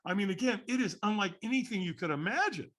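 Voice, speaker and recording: Husky, lively man telling a story. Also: high-pitched, fast talker. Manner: lively storyteller, acts out quoted voices, laughs often. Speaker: guest, firewalking instructor. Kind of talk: animated storytelling in a podcast interview.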